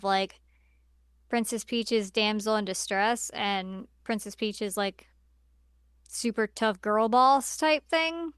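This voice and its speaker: A podcast co-host chats casually about films, her slightly high voice bright and clean, and she drops "like" into her sentences constantly. The recording is dry and of studio quality.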